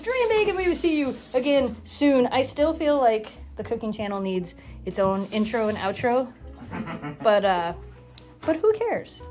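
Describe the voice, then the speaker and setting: A woman in her forties talks casually to a handheld phone camera in her home kitchen. Her fairly high voice swings up and down in lively, playful questions. Faint music plays underneath. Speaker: vlogger filming at home.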